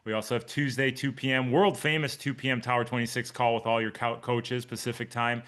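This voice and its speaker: A man's voice: medium pitch, little pitch movement, brisk, fairly bright tone. A man in his forties, a triathlon coach and podcast host, chatting casually and upbeat on a live video call with his team. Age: 40s. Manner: upbeat, chatty, addresses listeners by name.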